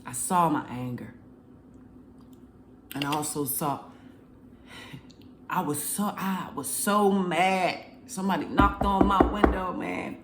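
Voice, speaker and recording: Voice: medium pitch, slow pace, long pauses, a bit bright, roomy sound, a little hiss or hum. A faith vlogger giving a casual, earnest spoken testimony, rambling and emotional, recorded at home in an apartment.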